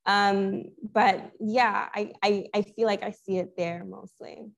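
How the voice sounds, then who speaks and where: A woman's voice: medium pitch, steady tone, slow, vocal fry. Thoughtful young woman artist, from Sri Lanka. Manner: reflective, thoughtful, many restarts and fillers. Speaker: guest artist. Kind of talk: conversational Q&A talk.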